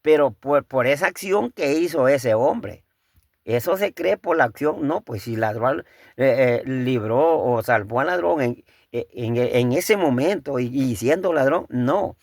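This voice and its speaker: Gravelly man preaching in halting talk. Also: medium pitch, lively intonation, a little mellow, no room sound, clean studio sound. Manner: conversational preaching, addressing listeners as brother, rhetorical questions; halting, repeats words as he thinks. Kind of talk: sermon.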